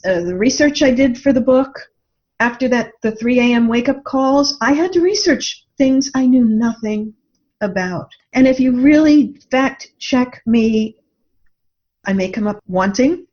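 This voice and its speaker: A woman with a slightly high, somewhat mellow voice appears as a guest author promoting her book in a conversational interview. She comes across as earnest and reflective, and the recording is dull, muffled and lo-fi.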